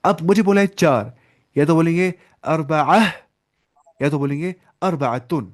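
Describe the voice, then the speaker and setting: A man teaching an online Arabic class, patiently repeating each word slowly for his student over a video call. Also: on the high side, darkish tone.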